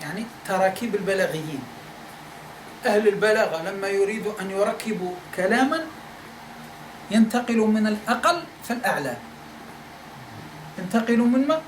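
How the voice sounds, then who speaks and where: This Algerian teacher has a high, animated voice and a brisk delivery broken by long pauses. In a study circle room he gives a classroom lecture, restating points and asking whether his audience follows. The audio is echoey with faint background noise.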